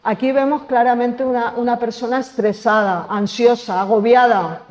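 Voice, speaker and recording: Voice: medium pitch, steady tone, normal speed, a little mellow. A preacher with a Spanish accent from Spain, giving a conversational sermon and often asking the congregation questions. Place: church. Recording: reverberant church hall.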